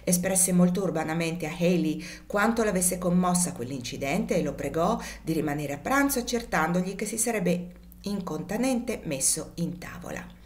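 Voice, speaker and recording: A woman narrating a classic novel as an audiobook reader, expressive and measured. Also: lowish voice.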